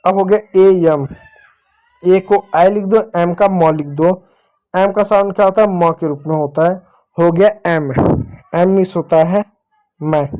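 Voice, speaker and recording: A man's voice: high voice, a little slow, a little mellow. A man teaching English to children at a whiteboard, explaining patiently and asking rhetorical questions, with a North Indian Hindi accent.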